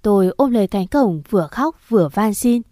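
A woman narrating a ghost story in the first person with a sad, measured delivery. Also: medium pitch, animated, dark tone, dry recording, clean studio sound.

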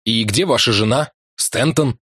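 A man's voice: mid-range voice, a little slow, fairly bright tone, slightly rough, dry recording. A man voicing a shaken male traveler in an audiobook, speaking hurriedly and in alarm, in a dry studio sound. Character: shaken male traveler, the narrator in the scene, anxious.

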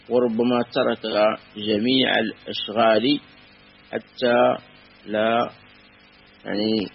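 A man teaching a classical grammar lesson, measured and patient, repeating and spelling out word forms slowly. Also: mid-range voice, husky. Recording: dull lo-fi recording with faint hum.

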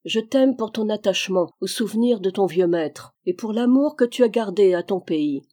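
A woman's voice: mid-range voice, lively intonation, normal speed, warm tone, natural voice. A woman reading the part of a frank, cheerful young army captain in an audiobook.

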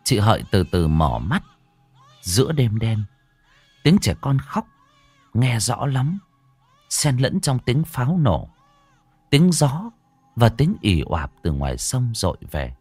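A man narrating a ghost story in a dramatic style, dropping to a hush and then surging. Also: mid-range voice, very animated, slow, pauses often, husky, no echo. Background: faint music.

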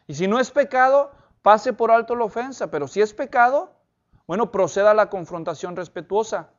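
A man's voice: high voice, dull audio. A man preaching an expository sermon, asking the congregation questions and telling stories to illustrate his points. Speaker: pastor.

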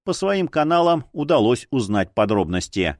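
A male narrator reads an audiobook with a lively, rising and falling delivery. His voice sits at an ordinary pitch, and the recording is close and dry with no room sound. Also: moderate pace, no room sound.

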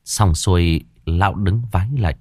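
A man narrating an audio story in an expressive storytelling manner. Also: low voice, normal speed, dry recording, studio quality.

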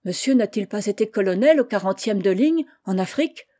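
A woman's voice: medium pitch, animated, a little fast, mellow, close to an everyday voice. A woman reading aloud and voicing a humble, polite grown man, a chimney sweep who speaks deferentially.

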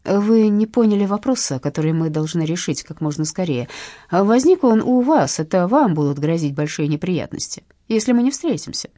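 A sly, ceremonious old man on the phone, courteous on the surface and menacing underneath, as a woman reads him in an audiobook. The voice is dark and husky, with pitch that rolls up and down. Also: expressive, moderate pace, no echo, studio quality. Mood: smoothly menacing. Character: elderly courteous male blackmailer, smooth and sly. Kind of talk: audiobook narration.

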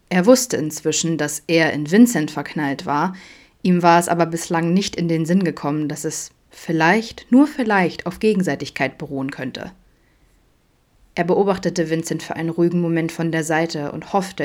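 A woman calmly narrating an audiobook chapter of a fan story. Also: low voice. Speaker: audiobook reader. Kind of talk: scripted narration.

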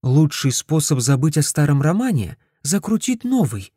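A man's voice: fairly high pitch, big pitch swings, measured pace, mellow, dry recording, clean studio sound, voice pushed up. A man voicing a brash, teasing older sister. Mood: lively.

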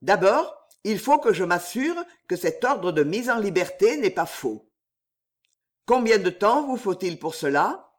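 Man doing a calm, commanding Jesuit leader. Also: sits high, unhurried, exaggerated voice. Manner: calm, authoritative.

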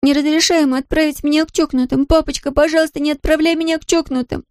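A narrator voicing a distraught young daughter who pleads in a high, shaky, tearful voice. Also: fairly even intonation, quick pace, no room sound, studio quality, natural voice. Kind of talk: audiobook character voice.

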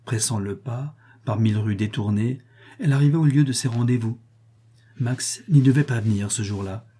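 A man narrating a novel as an audiobook reader, with measured, expressive storytelling. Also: medium pitch, breathy edge.

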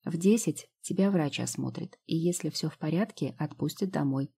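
A woman voicing a caring young man who speaks calmly, firm but fond, in an audiobook. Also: low voice, normal speed, vocal fry, husky, full character voice. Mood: tired. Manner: calm, firm then soft.

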